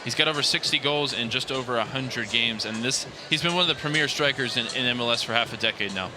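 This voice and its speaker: A man calling a soccer match as the radio play-by-play announcer, delivering lineups and statistics in a brisk, polished way from a stadium booth. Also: mid-range voice, music in the background. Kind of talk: radio sports broadcast.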